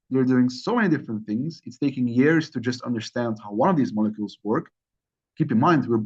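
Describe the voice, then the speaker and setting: A young man giving an academic lecture, speaking loosely with many fillers and restarts. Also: mid-range voice. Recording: slightly dull lo-fi recording.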